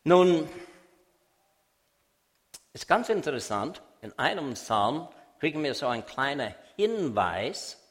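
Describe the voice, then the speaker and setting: A man giving a lively Bible lecture to an audience, teasing listeners and often checking in with a quick "ja?". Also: a little high. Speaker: Bible teacher speaking to an audience. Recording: long hall reverb.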